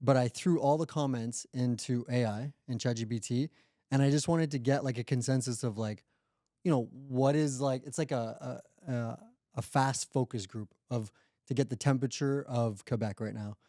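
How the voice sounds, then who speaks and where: A man's voice: mid-range voice, measured pace, mellow, no room sound, clean studio sound. A man co-hosting a podcast in casual chat, talking loosely and playfully and filling his sentences with "like". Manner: loose and playful, heavy use of "like". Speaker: podcast co-host.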